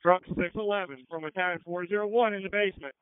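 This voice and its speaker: A man acting as a fire battalion chief sends terse, urgent, clipped traffic over a two-way radio at a fire and collapse scene. His voice sits high and moves fast, with a clear, resonant tone, and the recording is dry and comes through a phone-like fire radio channel.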